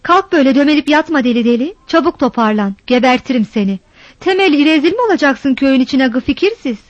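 A woman voicing a stern, rough older village woman who scolds sharply, in a dull, dry recording. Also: sits high, animated, quick pace, no room sound. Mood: scolding.

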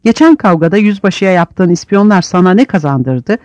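A man's voice: sits high, lively intonation, normal speed, darkish tone, dry recording. A man voicing a fiery male prisoner leader, haranguing and scolding in an audiobook. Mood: scolding harangue.

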